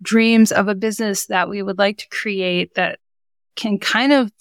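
A woman's voice: mid-range voice, fairly even intonation, unhurried, clear, resonant tone, no echo, studio quality. A woman speaking as a guest in a podcast interview, explaining her coaching work for mothers in an earnest, encouraging way. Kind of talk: conversational interview.

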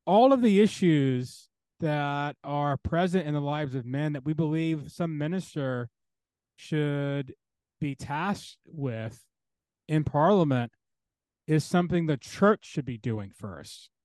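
Earnest man, higher voice, emphatic lists. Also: expressive, slow pace, darkish tone, no echo. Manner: emphatic, builds points through repeated parallel phrases. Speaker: interview guest, theologian and professor. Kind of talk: earnest interview talk.

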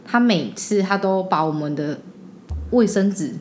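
A young woman with a Taiwanese Mandarin accent, talking bluntly and chattily on a podcast with quick interjections. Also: medium pitch, lively intonation, a little mellow, a little hiss or hum. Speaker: podcast guest, older sister. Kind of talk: casual chat.

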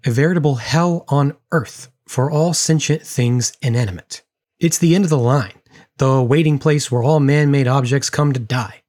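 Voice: medium pitch, moderate pace, darkish tone. A podcast co-host in their thirties reading a wry, dramatic film recap between stretches of casual chat. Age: 30s. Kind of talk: scripted narration mixed with casual chat.

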